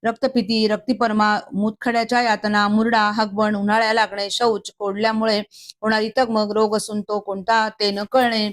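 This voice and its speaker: A woman's voice: medium pitch, level tone, normal speed. A woman reading a devotional text aloud, moving steadily through a long list with small slips and restarts. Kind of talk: reading a Marathi scripture commentary aloud.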